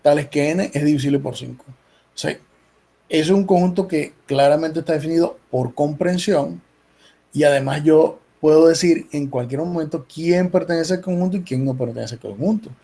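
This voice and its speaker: A man's voice: a little high, normal speed, gravelly, dark tone. A male professor explaining set theory patiently in an online class, often checking in with his students. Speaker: math professor. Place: video call meeting.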